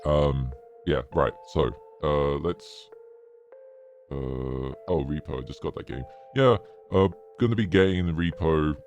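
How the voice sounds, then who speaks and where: A man's voice: slow, darkish tone, soft background music. A man streaming casually through a demonic voice changer, sounding possessed while chatting in an everyday way. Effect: demonic deep voice changer. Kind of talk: casual livestream chat.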